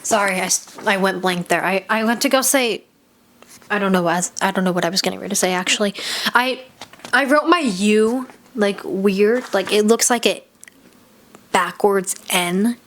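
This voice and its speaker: A woman's voice: medium pitch, normal speed, a bit bright, a little hiss or hum. Rambling young woman vlogger, roomy echo. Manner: rambling, many "like" fillers, self-conscious. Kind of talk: casual confessional chat. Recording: echoey room.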